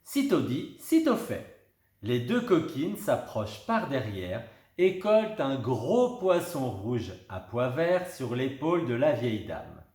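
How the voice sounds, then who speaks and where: A man telling a children's story with a lively, sing-song voice that rises and falls a lot. He reads slowly and carefully, and the room gives it a noticeable echo. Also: medium pitch. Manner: lively, expressive. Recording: roomy echo.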